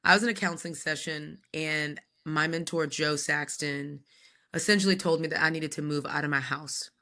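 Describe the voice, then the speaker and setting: A woman in her thirties tells a personal story as a guest on a podcast. Her voice is bright and forceful, and she speaks in an animated, casual way. She often drops into quoted voices as she talks. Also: low-pitched, normal speed.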